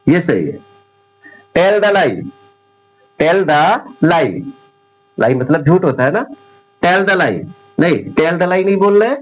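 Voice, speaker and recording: A man's voice: a little high, rough recording. Hindi-speaking man teaching English grammar. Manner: repeats words patiently, corrects mistakes firmly. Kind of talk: classroom-style grammar lesson.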